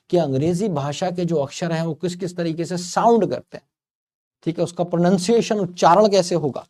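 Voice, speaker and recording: A man's voice: a little high, warm tone. A man teaching a grammar lesson in a chatty, storytelling way, playfully stretching out words to make a point. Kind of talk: explaining English grammar to learners.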